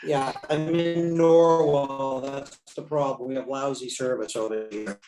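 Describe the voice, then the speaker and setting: A man's voice: mid-range voice, steady tone, measured pace, music in the background, poor audio. Man, meeting applicant, dialing in by video call; the audio is choppy and breaking up, and words drop out. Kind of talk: plain-spoken meeting remarks.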